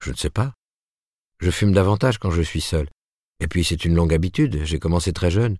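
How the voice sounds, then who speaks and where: A deep-voiced man plays an eager young writer from a storybook, lively and boastful about his prospects. The tone is low and close, with a dry, intimate sound. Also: normal speed, dry recording. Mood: casual.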